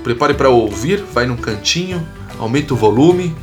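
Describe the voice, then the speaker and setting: A man's voice: mid-range voice, animated, moderate pace, faint music behind. A man, hosting a teaching podcast on public speaking, coaxing the listener with repeated phrases and questions and reciting rhymed verse in a sing-song way.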